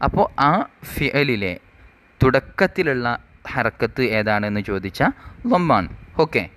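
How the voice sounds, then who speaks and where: Man calmly teaching Arabic grammar. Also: mid-range voice. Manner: reads Arabic rule text slowly, then explains it; asks questions and answers them himself. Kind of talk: explaining a grammar lesson.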